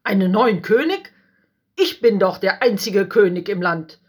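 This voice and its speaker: A woman voicing a frightened, scheming old king who commands and flatters with sly insistence. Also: sits low, slow pace, husky, full character voice. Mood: alarmed.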